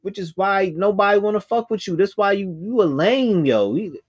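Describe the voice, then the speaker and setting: Man with a Chicago accent, higher voice, lively swings, blunt and profane co-host. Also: moderate pace. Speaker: podcast co-host. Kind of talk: casual celebrity gossip chat.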